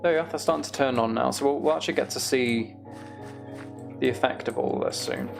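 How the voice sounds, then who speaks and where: This live streamer, a man playing a game, chats casually, thinking out loud and answering viewer comments as they come in. His medium-pitched voice swoops wildly in pitch, moves fairly quickly and has vocal fry, over background music.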